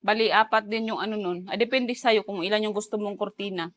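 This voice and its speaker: A woman's voice: mid-range voice, steady tone, a little fast. A woman, chatting casually in a home vlog, mixing in English phrases with giggly asides. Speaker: vlogger.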